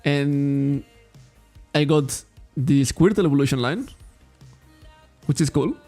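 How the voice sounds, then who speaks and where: Speaking slowly in Catalan-accented English, a man from Spain chats loosely on a trading card shop livestream, correcting himself and laughing often. His voice is a bit high, with a gravelly edge and a mellow, dark tone. Soft music plays faintly in the background.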